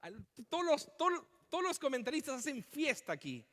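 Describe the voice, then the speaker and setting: A man's voice: extremely high pitch, very animated, normal speed, a bit bright, big-room sound. A male pastor from Chile delivering a sermon in an impassioned, emphatic way, repeating phrases for emphasis. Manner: impassioned, emphatic preaching with repetitions. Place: church.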